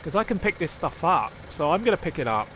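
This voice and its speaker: A man's voice: a little high, very animated, fast, fairly bright tone, a little hiss or hum. A man live-streaming a farming game, thinking aloud, chatting to viewers and swearing casually as he plays. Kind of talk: casual live-stream chat while playing.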